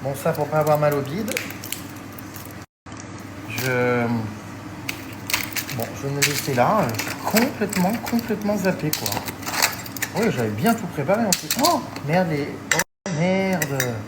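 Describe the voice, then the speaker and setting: A man's voice: fairly high pitch, heavy background noise. A man chatting casually to his viewers from his home kitchen in a vlog. He gets worked up easily, swears freely and vents at length. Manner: excitable, quick to vent and swear, chatty. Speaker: vlogger.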